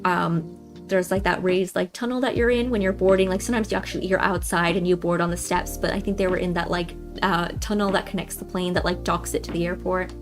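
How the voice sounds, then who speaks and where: A woman's voice: fairly low pitch, steady tone, fairly quick, music in the background. A young woman hosting a game livestream, telling a story in a rambling, chatty way with lots of fillers and restarts, often calling her viewers guys. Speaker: livestream host.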